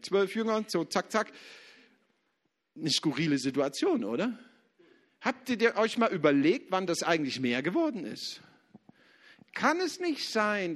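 A man delivers a church sermon in a notably high voice. He swings between loud, urgent exhortation and hushed, lowered passages. He acts out biblical dialogue with casual, everyday asides. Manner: passionate, swings between loud urging and quiet lowered tones. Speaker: guest preacher. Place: church service.

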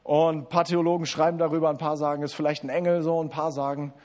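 A man delivering a sermon in German with a voice pitched a little high for a man. He speaks right to his listeners, full of restarts and fillers, rushing through asides and then slowing down hard on key lines. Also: level tone, darkish tone. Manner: addresses listeners directly as du, with many restarts and fillers; swings between quick asides and slow, emphatic lines. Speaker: preacher.

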